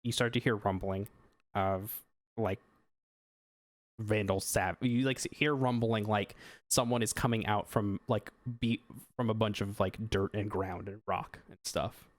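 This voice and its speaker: A man with a low voice runs a tabletop game, describing each scene in loose, rambling sentences full of fillers and restarts. The sound is dry and close to the mic. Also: fairly even intonation, a little slow, no echo. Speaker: game master.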